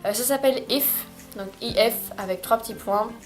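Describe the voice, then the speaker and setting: A woman's voice: on the high side, normal speed, soft background music. A young woman, chatting casually in a recommendations vlog, hesitant, with many fillers and restarts. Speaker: vlogger. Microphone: camcorder microphone.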